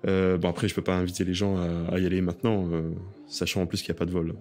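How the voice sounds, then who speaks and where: A man co-hosting a casual podcast, telling a relaxed, rambling account with frequent pauses. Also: low-pitched. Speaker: podcast co-host.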